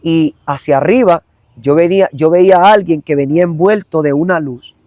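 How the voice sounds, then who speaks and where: A man's voice: on the high side, moderate pace, dark tone, no echo. A man giving an emotional personal testimony as an evangelist guest, earnest and repetitive, speaking straight to the listener.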